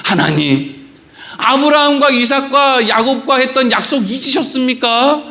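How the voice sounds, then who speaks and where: Pastor doing moses being cheeky, fake solemn, wheedling god, highish voice. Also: male voice, animated, moderate pace, sharp tone, full character voice.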